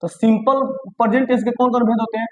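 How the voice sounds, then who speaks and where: High-voiced man drilling a grammar lesson. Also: fairly even intonation, quick pace, lo-fi sound. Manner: repetitive, drilling lists aloud with frequent check questions. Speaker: English grammar teacher. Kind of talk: classroom-style grammar lesson.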